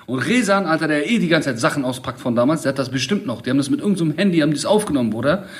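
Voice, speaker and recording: A man in his thirties, co-hosting a casual chat and telling stories in a slangy, animated way. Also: fairly high pitch, racing. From Germany. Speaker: podcast co-host.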